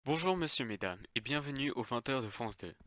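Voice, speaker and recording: A man's voice: mid-range voice, animated, fairly quick, highs cut off, lightly acted. A man playing a formal evening news anchor presenting headlines in a parody bulletin.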